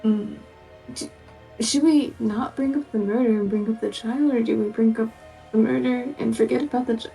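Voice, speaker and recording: A woman player speaking in character at a tabletop game, loud, flustered and rushed. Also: on the high side, steady tone, gravelly. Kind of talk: in-character tabletop role-play. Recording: distant mic. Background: faint background music.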